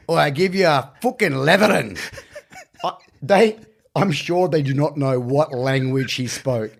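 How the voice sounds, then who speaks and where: A middle-aged man, sitting in as a podcast guest. He tells anecdotes in an animated, casual way and often laughs at his own stories. His voice sits at a middle pitch. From Australia. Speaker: guest, martial arts instructor. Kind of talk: casual interview storytelling.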